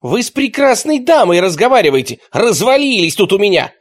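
A man's voice: high-pitched, big pitch swings, fairly quick, pitched above the performer's own voice. A man voicing a pompous poet with flowery speech, in a storybook reading.

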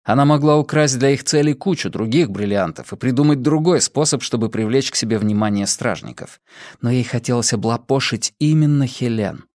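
A man reading an audiobook in measured scripted narration. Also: mid-range voice, a little mellow, no echo, studio quality. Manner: measured storytelling.

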